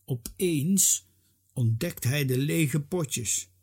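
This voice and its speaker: A narrator reading a children's story aloud with lively expression. The voice is husky and unhurried. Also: mid-range voice.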